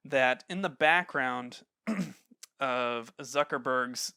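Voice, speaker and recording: A man hosting a casual podcast, opening the show and steering the chat with quick, upbeat questions. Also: mid-range voice, creaky, pushed and bright, smooth, dry recording, studio quality. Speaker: podcast host.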